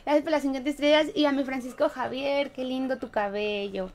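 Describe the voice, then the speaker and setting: A woman's voice: sits high, steady tone, a little fast. A Mexican woman streamer chatting casually with her live viewers in a playful, chatty way, laughing often and humming little tunes. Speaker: game streamer.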